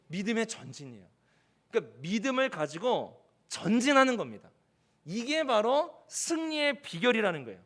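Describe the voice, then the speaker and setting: Male pastor, high-pitched, animated sermon delivery with acted-out quotes and group readings. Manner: animated, acts out quoted speech and leads the congregation in reading.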